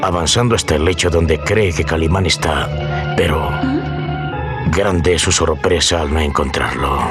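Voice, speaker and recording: A deep-voiced man narrates an old radio serial. He is solemn, ominous and theatrical, reading scripted suspense narration over loud dramatic music. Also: moderate pace.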